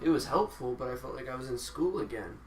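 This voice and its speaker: A man's voice: medium pitch, lively intonation, quick pace, far from the mic. A young man in casual chat, telling a rambling story full of fillers, as a podcast co-host among friends. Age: young adult. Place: room with friends. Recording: roomy echo, off-mic, faint hiss.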